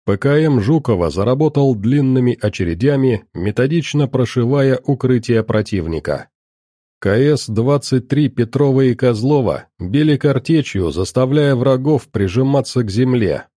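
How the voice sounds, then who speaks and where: A man giving steady scripted audiobook narration of an action story. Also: medium pitch, normal speed, dry recording, clean studio sound.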